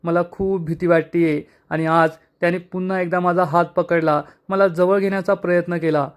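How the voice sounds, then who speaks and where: A terrified young woman begs for help in a rushed, pleading voice, as a man reads her lines. Her voice sits somewhat high and hurries along. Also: steady tone, clear, resonant tone, close to an everyday voice. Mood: frightened.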